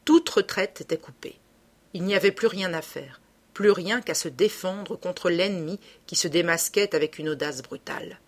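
Husky woman reading a novel aloud. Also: fairly low pitch, normal speed. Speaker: narrator. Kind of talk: audiobook narration.

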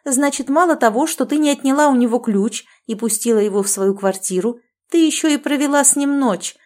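A woman's voice: on the high side, animated, moderate pace, a little mellow. Woman voicing Nonna, a bossy scolding friend. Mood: indignant. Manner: lecturing, commanding, sarcastic. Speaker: language teacher.

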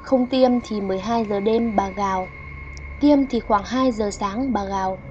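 A woman narrating a folk horror story in a steady storytelling voice, in a dull lo-fi recording. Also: medium pitch, measured pace. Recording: dull lo-fi audio with faint hiss.

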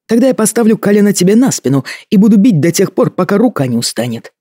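A man reading a stern young husband, even-toned. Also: high voice, fast talker, no echo, clean studio sound, pitched above the performer's own voice. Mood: mocking.

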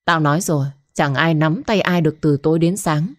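A woman's voice: deep voice, fairly quick. A woman narrating a dramatic story in first person, with scornful, cutting retorts. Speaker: audiobook narrator.

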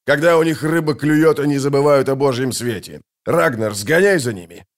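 A male audiobook narrator voicing a grumpy man who curses gruffly. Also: medium pitch, normal speed, pitched above the performer's own voice, lightly acted. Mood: angry. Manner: cursing, gruff.

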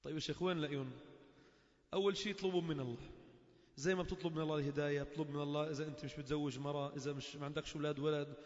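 High-voiced preacher in a hall. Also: male voice, fairly even intonation, racing. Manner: emotive storytelling that voices each character's speech. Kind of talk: sermon with storytelling. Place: mosque. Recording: muffled, echoey mosque recording.

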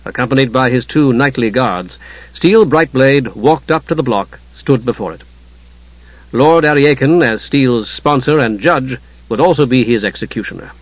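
A man narrating a fantasy novel in a measured, solemn reading that moves between voices. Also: mid-range voice, no echo. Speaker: audiobook narrator. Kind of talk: scripted narration. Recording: dull dry recording.

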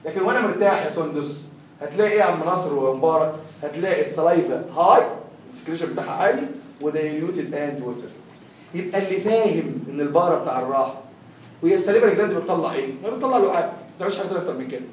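A man's voice: on the high side, animated, very fast, a little hiss or hum. A young man with an Egyptian accent tutoring a class, quizzing the students with constant questions in a classroom lecture. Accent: Egyptian Arabic. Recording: echoey room, heard from far off.

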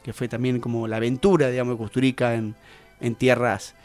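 A man's voice: mid-range voice, little pitch movement, fairly quick, darkish tone. A man hosting a radio show, chatting casually about music in a rambling, explanatory way full of hesitations. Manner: rambling, explanatory, many "eh" fillers.

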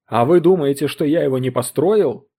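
A man's voice: medium pitch, moderate pace, mellow, husky, natural voice. A man voicing an intense young physicist in an audiobook reading, urgent and insistent. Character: intense young male physicist, obsessed inventor.

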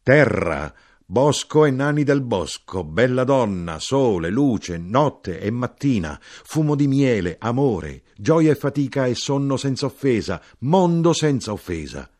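Brief: male reader as a rapturous knife grinder, pitched way up, calling out, audiobook. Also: sing-song, unhurried. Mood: ecstatic. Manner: rapturous shouted toasts. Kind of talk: audiobook reading.

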